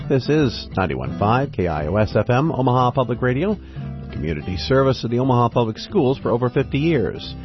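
A man's voice: mid-range voice, big pitch swings, brisk, over music. Man on a tinny clock radio. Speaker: radio station announcer. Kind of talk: station identification.

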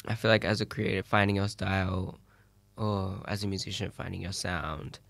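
A man's voice: deep voice, steady tone, normal speed, gravelly, fairly bright tone, dry recording. A man interviewing a musician, curious and encouraging, asking long, open questions.

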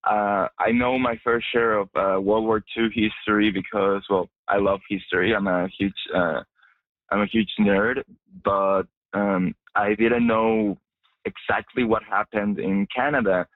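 A low-voiced young man who grew up in Mexico talks through a student project in a radio interview. He hesitates often and restarts his sentences. The sound is dry and narrow, like a phone line. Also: steady tone, unhurried, no room sound. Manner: hesitant, many fillers and restarts. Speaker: journalism student.

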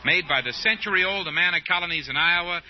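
Male game show host, jovial and bantering, slightly high voice; 1950s broadcast disc, muffled, faint hiss. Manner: jovial, joking, quick follow-up questions. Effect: old broadcast transcription disc. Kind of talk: bantering audience-show interview.

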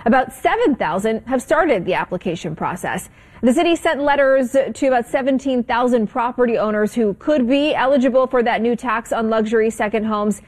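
A woman news anchor reading a scripted report in a crisp, even way. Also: fairly high pitch, a little fast.

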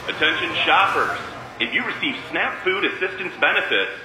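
A man playing a supermarket announcer, calling out a store announcement over the loudspeaker in a lively announcer delivery. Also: fairly high pitch, normal speed, roomy sound, over music, poor audio. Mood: announcing.

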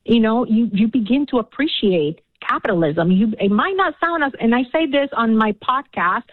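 A woman's voice: on the high side, expressive, normal speed. A woman from Cuba, a radio show guest, talking earnestly and passionately with many fillers. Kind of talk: radio interview. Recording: tinny phone line.

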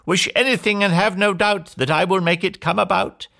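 Storybook fairy godmother, played by a man: grand, kindly, high-pitched, sing-song. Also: steady tone, moderate pace, vocal fry, bright, forceful tone, exaggerated voice. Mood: grandly kind. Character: grand, benevolent female magic fairy.

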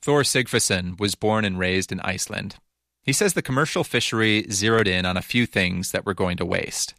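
A man's voice: on the low side, moderate pace, bright, forceful tone, no echo, studio quality. A man narrating a scripted news feature in a conversational, explanatory way. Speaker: reporter narrating.

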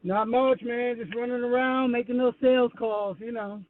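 A man's voice: very high-pitched, fairly even intonation, normal speed. A man calling into a radio show in a laid-back, casual chat, heard over a muffled phone line through bluetooth earbuds. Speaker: radio call-in caller.

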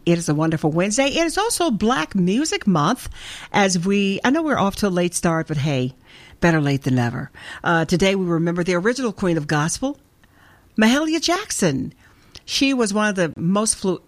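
A woman with an Arkansas Southern accent hosting gospel radio in casual, folksy, exclamatory chat, speaking straight to her listeners. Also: lowish voice.

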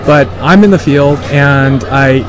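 A medium-pitched man speaks slowly as an interview guest; he was born in rural China, raised in Los Angeles, and runs a cancer center. His talk is earnest and informal, peppered with "like" and "you know," with crowd and traffic noise behind him.

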